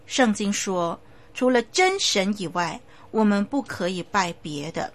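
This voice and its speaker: A woman preacher giving a sermon with storytelling, speaking in a measured, emphatic way with occasional fillers. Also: mid-range voice, lively intonation.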